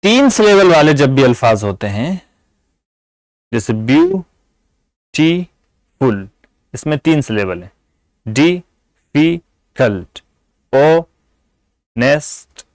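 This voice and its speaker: Man, grammar teacher, patient explaining, drawn-out example words, Urdu-heavy Hindi, dry close sound. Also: medium pitch, very animated, no room sound, poor audio. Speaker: English teacher. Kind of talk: grammar lesson explaining adjective degrees.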